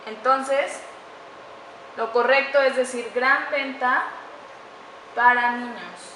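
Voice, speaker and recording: A woman giving a class presentation on writing errors, slowing down carefully whenever she reads out an example sentence. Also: high voice, fairly even intonation, pushed and bright. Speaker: student presenter. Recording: echoey room with faint background noise.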